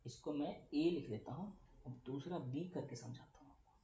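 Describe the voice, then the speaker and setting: A man's voice: fairly high pitch, normal speed, dark tone, slight background noise. A young male physics teacher, lecturing chattily and answering his own questions for the students. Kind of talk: classroom lecture. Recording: echoey room.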